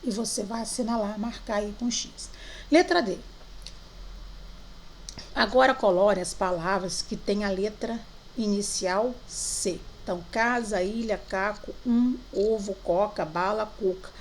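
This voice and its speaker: A woman teacher from Brazil, guiding young children through worksheets in a remote lesson, slowly drawing out syllables and words. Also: mid-range voice, slight background noise. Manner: slow, drawn-out syllables for children.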